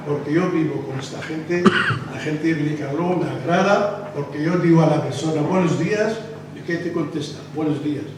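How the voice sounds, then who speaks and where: Speaking after dinner in a restaurant dining hall, this Palestinian man is running as a local election candidate. His voice is slightly high, and he pauses haltingly while hunting for the right words. Captured at a distance in a reverberant room, the audio is noisy.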